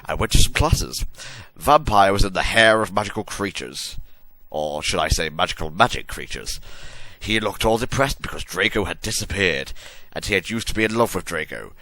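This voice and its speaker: A man's voice: deep voice, animated, moderate pace, sharp tone, no echo, poor audio. A man giving a comic dramatic reading of a story in a hammy, theatrical stage-actor manner with exaggerated emphasis. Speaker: reader of a fan fiction story.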